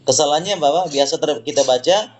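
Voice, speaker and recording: A man teaching tajwid, explaining slowly, repeating words and reciting examples for students to echo. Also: fairly high pitch.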